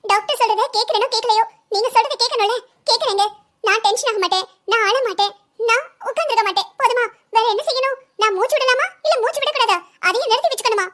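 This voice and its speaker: Cartoon wife, pregnant and bitter, voiced by a woman: very high, quick, cutting sarcasm. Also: fairly bright tone. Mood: bitter sarcastic. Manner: sarcastic, biting. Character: young pregnant wife, bitter and sharp-tongued. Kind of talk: Tamil cartoon drama voicing.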